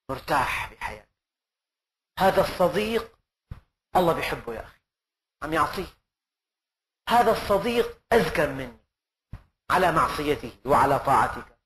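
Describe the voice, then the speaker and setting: A man's voice: a little high, a bit bright, slight background noise. An older man preaching in an earnest style, full of rhetorical questions and emphatic rises. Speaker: preacher giving Quran commentary. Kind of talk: sermon.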